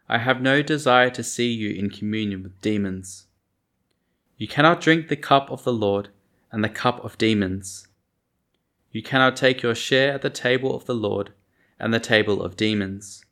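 Measured male lector reading scripture. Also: mid-range voice, fairly bright tone. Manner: measured, formal. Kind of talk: liturgical scripture reading and psalm. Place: church during Mass.

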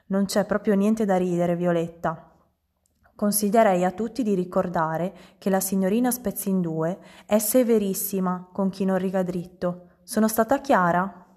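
A woman voicing a kind young female schoolteacher in an audiobook reading, with a bright, encouraging tone. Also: mid-range voice, moderate pace, lightly acted. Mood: instructive.

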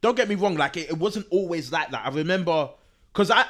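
High-pitched young London man, roadman slang. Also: brisk. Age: young adult. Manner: animated, repetitive slangy storytelling. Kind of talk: casual chat.

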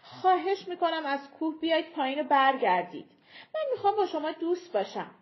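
A woman's voice: sits high, animated, dull audio, voice pushed up. A woman voicing a persuasive giant leader who coaxes the tiny folk to come down from a mountain in an audiobook. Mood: coaxing. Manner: coaxing, persuasive.

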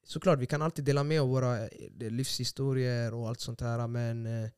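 A young man co-hosting a casual podcast, telling stories in animated, slangy street Swedish. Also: mid-range voice, clear, resonant tone, no room sound, studio quality. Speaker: podcast co-host. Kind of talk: casual chat. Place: small studio room.

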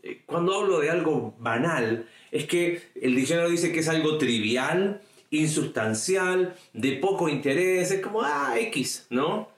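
A man preaching to young people in a chatty, questioning way, and his voice sits a little high for a man. He slips into quoted voices as he goes. The recording is roomy and echoey. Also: expressive, unhurried. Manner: conversational, asks the audience questions; acts out quoted voices with a raised pitch. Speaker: youth preacher. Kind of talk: online sermon to young people.

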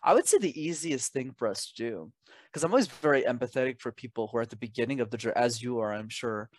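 A young Canadian man, a communication coach appearing as an interview guest, speaks fast in a medium-pitched, expressive voice. He offers conversational advice and personal anecdotes, emphatic and articulate, and often throws out rhetorical questions.

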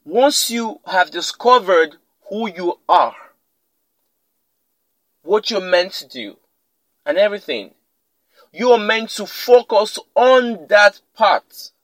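Guy doing a motivational podcast, pretty high voice, emphatic, says stuff twice, dry close mic. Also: expressive, slow, pauses often, fairly bright tone, no echo, rough recording. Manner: emphatic, repeats key lines for effect. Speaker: podcast host. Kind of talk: motivational talk.

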